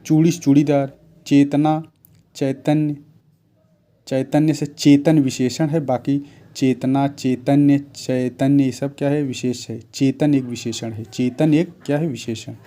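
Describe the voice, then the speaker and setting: A man's voice: medium pitch, level tone, a little slow, mellow. A man teaching a grammar lesson, reading off word lists and asking and answering his own questions.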